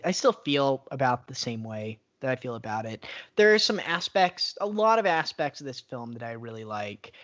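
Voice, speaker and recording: A man in a mid-pitched voice, musing on a casual movie podcast. He rambles a little and fills his pauses with ums. The sound is muffled and lo-fi. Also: a bit bright. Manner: thoughtful, rambling with fillers. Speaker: podcast co-host. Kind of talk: casual film review chat. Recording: dull lo-fi podcast audio.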